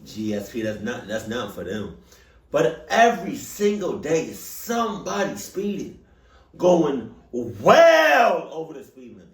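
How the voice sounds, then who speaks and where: A man's voice: on the high side, huge pitch swings, unhurried. An American man giving casual reaction commentary in street slang, repeating phrases in an exasperated rant. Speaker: reaction video host. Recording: roomy echo, distant microphone.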